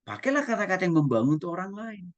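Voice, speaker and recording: On a muffled recording, a high-voiced male pastor teaches in rapid-fire bursts. He keeps things lively by questioning his listeners and acting out examples.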